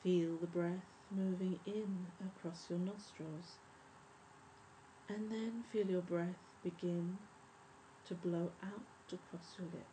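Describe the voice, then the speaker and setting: A woman leading a guided breathing meditation in a soft, soothing, measured spa voice that often trails toward a whisper. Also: on the low side, steady tone, low-quality recording. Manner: measured, instructive. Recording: faint background noise and ambience.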